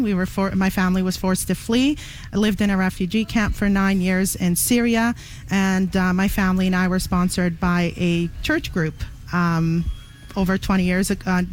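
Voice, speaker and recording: A middle-aged woman from Iraq, a council candidate, answering interview questions earnestly with many pauses and fillers. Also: medium pitch, low-quality recording. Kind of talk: radio interview guest.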